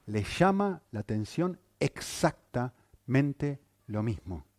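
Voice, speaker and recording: A male pastor preaching a sermon, animated, with rhetorical questions and frequent checks on his listeners. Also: medium pitch, slow pace, dry recording.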